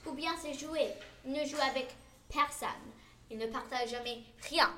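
A woman's voice: high voice, unhurried, echoey room, distant mic, heavy background noise. A woman reading as a complaining little orphan girl.

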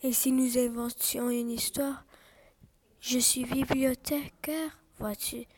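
A sly, smooth-talking male wolf from a storybook, as a woman reading aloud puts him on. He speaks in a high voice, slowly and calmly, always coaxing. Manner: calm, coaxing, unhurried.

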